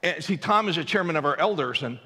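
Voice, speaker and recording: Pastor guy telling a funny story about himself, highish voice, big church echo. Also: quick pace, breathy edge. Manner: self-deprecating, anecdotal, animated storyteller. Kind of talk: humorous storytelling sermon. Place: large church auditorium. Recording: long hall reverb in a church.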